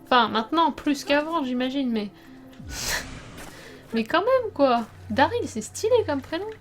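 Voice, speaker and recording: A young woman streaming a game, chatting casually with her viewers, laughing often and sometimes breaking into loud startled outbursts. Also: high voice, expressive, measured pace, faint music behind. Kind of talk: casual let's play commentary.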